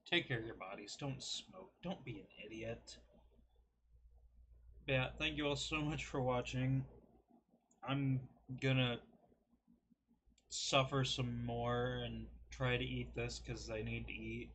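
Speaking in a mid-range, fairly bright voice over slight background noise, a young man in his twenties reviews food on his desk webcam. Indoors in a small, cluttered bedroom, he rambles, jokes and makes fun of himself.

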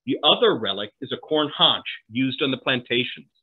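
Middle-aged male historian, casual lecturing manner with asides, mid pitch, phone-like webcam audio. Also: lively intonation, moderate pace, slightly rough. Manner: conversational, asides and tag questions. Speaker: historian presenting a talk. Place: home room, video call.

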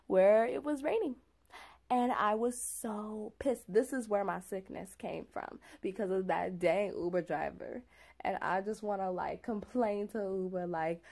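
A woman in her twenties tells a story in a casual vlog, chatty and animated, often saying "like" and "okay?". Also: mid-range voice, creaky. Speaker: vlogger.

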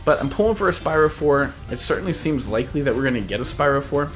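A man's voice: mid-range voice, expressive, fast talker. A man in his thirties giving casual, slangy, rambling gameplay commentary as a streamer. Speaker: game streamer. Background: game music.

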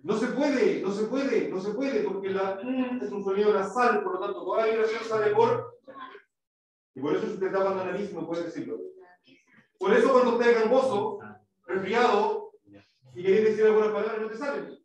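Guy teaching english, quizzing the class and sounding out words, high-ish voice, big classroom echo. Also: steady tone, moderate pace. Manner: explains step by step, quizzes students, demonstrates sounds. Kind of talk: classroom lesson. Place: school classroom. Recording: echoey classroom, mic far off.

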